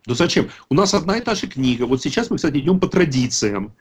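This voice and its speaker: With a fast delivery, a higher-than-average voice, and big leaps in pitch, a man in his fifties shares at an online recovery meeting. He grew up in a Russian-speaking country and talks casually yet insistently, wandering off track and correcting himself mid-thought. A little background noise can be heard.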